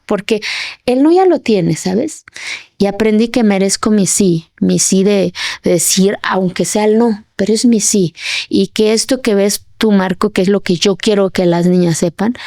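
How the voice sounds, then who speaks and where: A woman's voice: mid-range voice, dark tone, dry recording, clean studio sound. A woman from the mountains of Oaxaca, Mexico, speaking as an activist guest, telling her story with passion and emphasis and often asking "¿sabes?". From Sierra Sur of Oaxaca, Mexico. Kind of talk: emotional interview storytelling.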